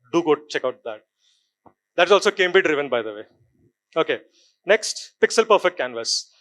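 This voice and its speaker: A man's voice: fairly high pitch, fairly bright tone. A man with an Indian English accent giving a live technical conference talk, quizzing the audience and slipping into Hindi. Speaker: conference speaker. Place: conference hall stage.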